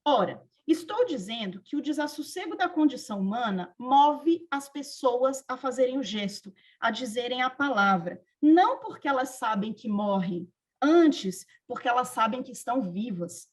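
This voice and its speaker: High-voiced woman reading a paper. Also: lively intonation. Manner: measured, reflective delivery with literary quotations. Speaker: presenter at a psychoanalysis seminar. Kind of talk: reading an academic paper aloud. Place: video call.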